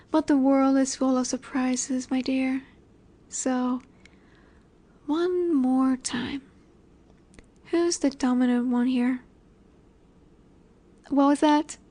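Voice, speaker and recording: Smug and mocking, this cocky werewolf alpha is voiced by a woman in a flirty audio roleplay, high-pitched but dark in tone. Each phrase is drawn out slowly as she teases, confident she's the one in control.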